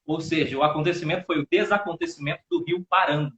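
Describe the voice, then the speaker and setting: Fairly high-pitched and a bit bright, a man in his thirties talks fast with a Northeastern Brazilian accent. He's a storytelling guest in a casual live chat who repeats words as he searches. The recording sounds roomy, dull and lo-fi.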